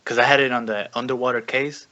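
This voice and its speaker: A man's voice: mid-range voice, fairly even intonation, fast talker, bright, forceful tone, lo-fi sound. A young man in casual chat, self-deprecating, swearing freely and stammering.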